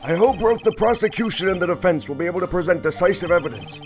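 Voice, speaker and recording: A man acts out a very old courtroom judge from a video game, pitched high and strained. He is solemn and formal, declaiming quickly over music. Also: expressive. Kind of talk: live voicing of video game dialogue.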